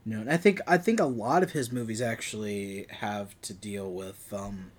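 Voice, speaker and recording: Man co-hosting a casual film podcast, halting delivery. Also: lowish voice. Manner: halting, searching for details.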